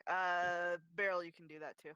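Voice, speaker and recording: A woman acting as game master, narrating a tabletop game with many pauses and ums. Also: fairly low pitch, flat delivery, pushed and bright, clear, resonant tone, highs cut off. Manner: hesitant, full of ums and uhs.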